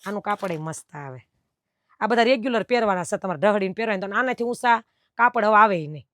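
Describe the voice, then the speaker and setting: Chatty shopkeeper woman, quick speech. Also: mid-range voice, lively intonation, fairly bright tone, no room sound, clean studio sound. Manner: chatty, explains at length, quotes customers. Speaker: dress fabric shop owner. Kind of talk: casual talk to camera explaining fabric cuts. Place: her fabric shop.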